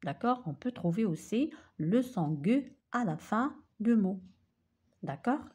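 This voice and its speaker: Slow husky woman teaching phonics. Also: mid-range voice, expressive, darkish tone. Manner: slow, repeats each example word, switches to Darija to explain. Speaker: primary school teacher. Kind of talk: remote phonics lesson.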